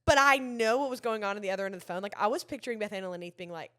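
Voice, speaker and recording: Expressive woman acting out a story. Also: medium pitch, very fast. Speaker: podcast co-host. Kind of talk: casual chat.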